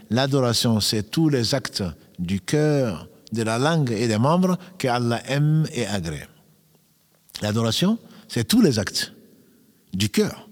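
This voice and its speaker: A man giving an earnest religious lesson, reciting verses slowly and lifting his voice on key words. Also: mid-range voice, in a large hall. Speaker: Islamic teacher.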